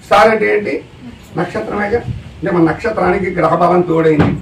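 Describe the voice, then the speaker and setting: Male spiritual teacher, high voice, questioning his listeners, echoey room, distant mic. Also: quick pace, noisy background. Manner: keeps asking the audience questions. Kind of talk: religious discourse to a live audience.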